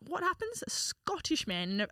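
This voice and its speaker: A young woman with an Australian accent, co-hosting a podcast and telling animated stories with frequent laughs. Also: high voice, normal speed, no room sound, clean studio sound. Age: young adult. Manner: animated storytelling, laughs often. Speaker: podcast co-host. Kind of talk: casual chat.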